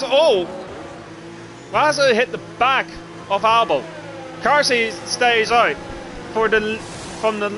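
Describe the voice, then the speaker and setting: A man doing live race commentary on a livestream of a sim racing event. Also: sits high. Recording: clearly noisy, engine noise behind.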